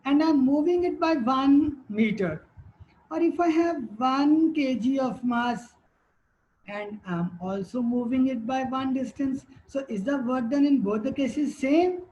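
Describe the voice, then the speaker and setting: A woman's voice: high voice, measured pace, mellow, dull audio, a little hiss or hum. A woman teacher giving a classroom lecture, quizzing students and repeating their answers.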